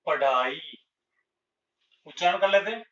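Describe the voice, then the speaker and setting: A man teaching a grammar lesson at a board, speaking slowly and deliberately and repeating each example word. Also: high voice, a bit bright. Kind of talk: blackboard Hindi grammar lesson. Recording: echoey room, distant lo-fi mic.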